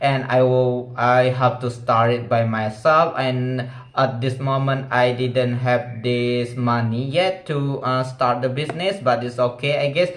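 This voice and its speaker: A young Indonesian vlogger practices his English, speaking casually and hesitantly with many fillers and restarts and a noticeable Indonesian accent. His mid-range voice has a steady tone and measured pace, and the recording sounds roomy.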